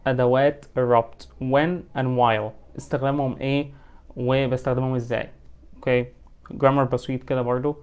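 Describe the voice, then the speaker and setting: Clear-voiced Egyptian man teaching English. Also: mid-range voice, level tone, a little mellow. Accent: Egyptian Arabic. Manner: explains in colloquial Arabic, reads English examples slowly and clearly. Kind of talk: online English lesson.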